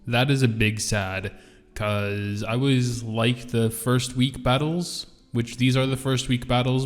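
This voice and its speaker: Man in big echoey hall, gaming commentary. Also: mid-range voice. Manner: rambling, thinking aloud. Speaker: gaming video host. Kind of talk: casual gameplay commentary. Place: reverberant indoor room. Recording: big hall echo, reverberant room, music behind. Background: music.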